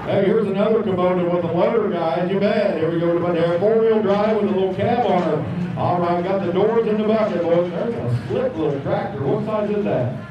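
Auctioneer, man, high voice, rapid bid chant, caught from far off with heavy echo. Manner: rapid rolling bid calls. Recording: distant echoey dull noisy outdoor capture.

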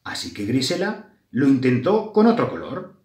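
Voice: mid-range voice, distant mic. A library storyteller reading a children's story aloud and addressing the children. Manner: slow, lively, addresses children. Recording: roomy echo.

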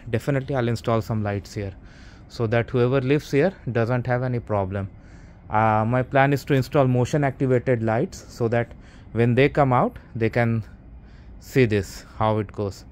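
A man casually narrating a walkthrough of his basement renovation, rambling with many fillers and restarts, filmed on a handheld camera. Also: medium pitch. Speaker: homeowner vlogger. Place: unfinished basement, later outdoors in a stairwell. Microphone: handheld or body camera, first-person view.

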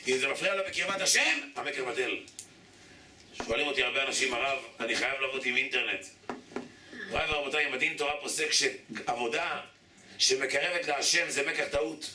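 Far from the mic in an echoey hall with faint hiss, a rabbi gives an emphatic Torah sermon in a bright, forceful, steady medium-pitched voice. He tells stories, acts out their characters and repeatedly appeals to his listeners.

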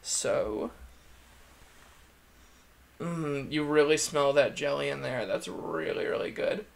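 A man with a campy, chatty drag queen manner, giving a casual, gushing video review in a creaky voice. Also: on the high side, animated, slow pace. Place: indoor room, seated at a desk.

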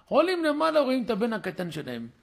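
A man preaching as a rabbi, his voice high in pitch with a gravelly, husky edge. He tells a story from the pulpit and plays out each line of dialogue, swinging his voice up and down. The sermon carries the steady pull of a live synagogue talk. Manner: acts out the story's dialogue with shifting pitch and loudness.

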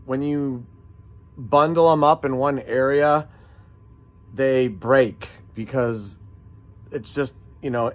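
Middle-aged shop owner, slow easygoing drawl, folksy rambling demo talk. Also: male voice, medium pitch. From United States. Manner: rambling, folksy, talks to viewers as guys. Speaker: shop owner demoing airguns. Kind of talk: casual product demo vlog.

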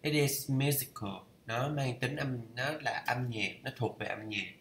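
Vietnamese guy studying english idioms out loud, reads slow and checks himself, echoey room w/ faint hum. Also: medium pitch. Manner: thinks aloud, reads English phrases slowly, checks pronunciation. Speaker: learner reading a course aloud. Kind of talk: casual study vlog, explaining English idioms.

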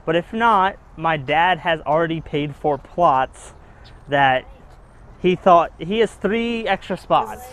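This young man's voice is a little high and bright, animated yet slow, as he hosts a casual vlog. Wandering a sunny cemetery with a gimbal-mounted handheld camera, he chats, jokes and rates how spooky things are.

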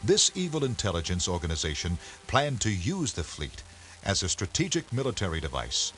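A man giving measured, scripted storybook narration for an educational game. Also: sits low, huge pitch swings, a bit bright, faint music behind, full character voice.

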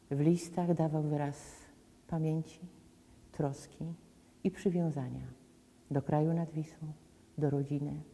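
An older woman presenting a concert, speaking in slow, deliberate, emphatic phrases as she invites listeners, filmed indoors facing the camera. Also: low voice, dark tone, long reverb tail. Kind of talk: measured spoken invitation to a concert. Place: indoors, room with framed portraits on the wall. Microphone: camera in front, head and shoulders framing.

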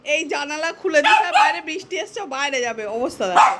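A woman's voice: high voice, animated. A young woman filming at home, coaxing and chatting to her dog in a repetitive sing-song way. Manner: sing-song coaxing, repeats words fast. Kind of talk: casual home video, coaxing talk to a pet. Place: home indoors, by a window. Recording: noisy home phone recording.

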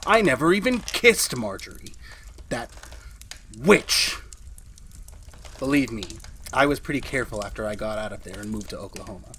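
A male actor voices a fretful, long-suffering husband in a 1940s radio-thriller style, with a mid-pitched, fairly bright tone and faint noise. His character is the henpecked, very long-lived husband of a witch, confiding in first-person narration that sounds nervous, hesitant and aggrieved.

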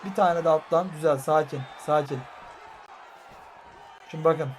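Excitable young man commentating gameplay. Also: on the high side, unhurried. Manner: frustrated, excitable, swings between muttering and shouting. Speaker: gaming streamer. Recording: faint crowd and game noise behind.

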